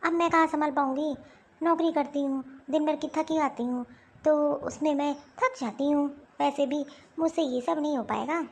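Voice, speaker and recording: A woman's voice: high-pitched, fairly even intonation, normal speed, a little mellow. A woman voicing a rude, bossy young working daughter-in-law in a cartoon story. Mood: chatty. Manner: scolding, bossy, dismissive. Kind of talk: Hindi cartoon dialogue.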